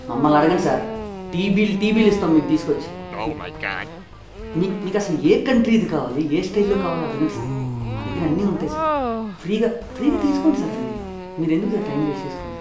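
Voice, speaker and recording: A man playing a bachelor tenant who pitches his favours like a salesman in a comedy sketch. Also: big pitch swings, fast, pauses often. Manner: wheedling, salesman-like. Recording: roomy, loud music.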